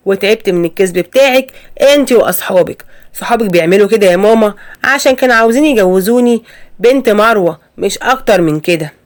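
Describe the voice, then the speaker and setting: A woman with an Egyptian accent voicing a young husband who firmly stands up to his mother in an animated story. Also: mid-range voice, lightly acted. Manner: firm, exasperated. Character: young husband, fed up and protective.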